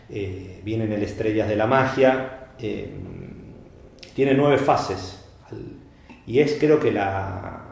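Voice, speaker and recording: A middle-aged man, a magician co-hosting a podcast, explaining in a lively storytelling way with many fillers and repeated words. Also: lowish voice, creaky. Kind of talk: casual explanatory chat. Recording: very echoey room.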